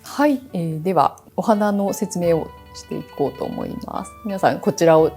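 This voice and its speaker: A woman's voice: lowish voice, fast talker, dark tone, faint music behind. A woman hosting a cultural experience, politely explaining the flowers to her guests.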